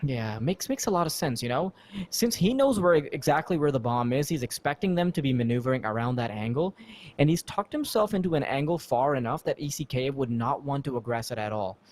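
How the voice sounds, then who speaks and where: A man giving laid-back color commentary on an esports match in a mid-range voice. He sounds relaxed and laughs easily. Faint background noise sits under the mic. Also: mid-range voice, fairly quick. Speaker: esports co-caster.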